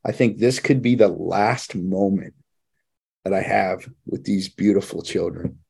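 A man's voice: low-pitched, unhurried, creaky, a little mellow, breathy edge. A man in his thirties, a former firefighter and father, speaking candidly and from the heart as a podcast guest. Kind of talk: reflective casual chat.

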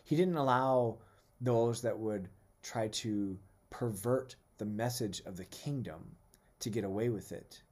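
A man preaching in a podcast sermon who talks in an animated way, throws in playful asides and slows down to read scripture. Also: on the low side. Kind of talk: sermon-style podcast teaching.

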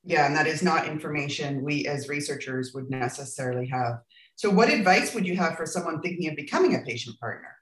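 A woman's voice: low-pitched, animated, a little fast. A woman with an Acadian accent, hosting a podcast interview and putting questions to her guest. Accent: Acadian French. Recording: roomy, echoing sound.

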